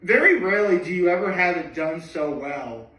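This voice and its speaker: A man's voice: high voice, sing-song, moderate pace, sharp tone. A man chatting casually about a movie he loves, rambling with lots of fillers and rising enthusiasm. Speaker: vlogger. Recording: echoey room, voice from a distance.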